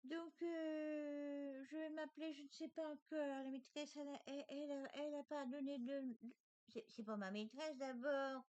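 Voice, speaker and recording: A woman's voice: high voice, steady tone, moderate pace, a little mellow, voice pushed up, close to an everyday voice. A woman voicing a cheerful, childlike male toy companion who talks in a chirpy, adoring way.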